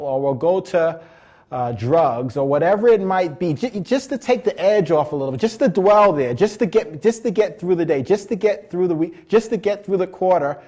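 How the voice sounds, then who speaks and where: A man preaching a Bible lesson. His voice sits a little high, and he draws key words out slowly for emphasis. He often repeats and restarts his phrases as he teaches. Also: animated, a little mellow. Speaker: pastor. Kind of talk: sermon teaching.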